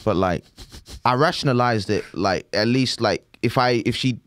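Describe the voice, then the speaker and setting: A man's voice: medium pitch, normal speed, a bit bright, clear, resonant tone, no room sound. A man with a mid-range voice jokes wryly through easygoing podcast banter. His delivery is dry, like a close, deadened room. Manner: wry, joking banter. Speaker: podcast co-host. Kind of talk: casual chat.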